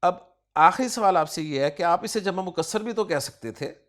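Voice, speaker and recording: Slightly high-voiced male grammar teacher. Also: animated, a bit bright. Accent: Pakistani Urdu. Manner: quizzing, praising answers with frequent affirmations. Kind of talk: question-and-answer grammar lesson.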